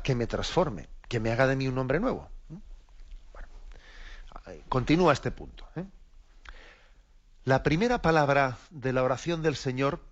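Male clergyman from Spain, reflective radio teacher, mid pitch, dull lo-fi sound. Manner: reflective, repeats words, checks in with "¿eh?". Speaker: bishop teaching the catechism. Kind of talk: radio catechism lesson.

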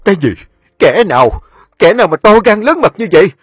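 A man's voice: high-pitched, big pitch swings, fairly quick, a bit bright, no room sound, studio quality, faint music behind, pitched above the performer's own voice, exaggerated voice. A man voicing a stern, commanding middle-aged village chief barking orders. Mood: furious.

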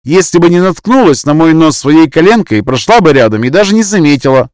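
Man putting on a gruff, swearing young guy. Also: fairly high pitch, expressive, brisk, a little mellow, dry recording, clean studio sound, voice pushed up, close to an everyday voice. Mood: grumbling. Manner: gruff, cursing, grumbling. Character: grumpy young man who swears a lot.

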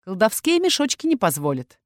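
A woman's voice: mid-range voice, huge pitch swings, fairly quick, no room sound, pitched above the performer's own voice. Woman voicing possessive young dragon-shifter man, insistent near-whisper, storybook read, dead-dry booth. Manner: hushed, insistent, heated whisper. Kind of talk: audiobook character voice.

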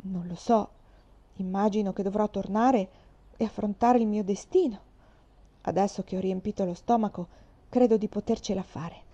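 A woman's voice: medium pitch, fairly even intonation, normal speed, dark tone, lightly acted. A woman voicing a tough, boastful orphan girl of about twelve who talks in a brash, defiant way. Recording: slightly dull lo-fi recording.

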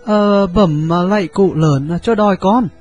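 Người đàn ông giả giọng ông cai già khúm núm. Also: male voice, unhurried, darkish tone, soft background music. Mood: pleading. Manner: high, fawning, stammering. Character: old male guard, timid and pleading.

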